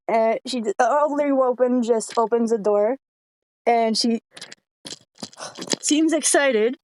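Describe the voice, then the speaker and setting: A woman's voice: fairly high pitch, a little mellow, no room sound, rough recording. A young woman acting as game master. She narrates in a playful way, laughs often and gets distracted easily.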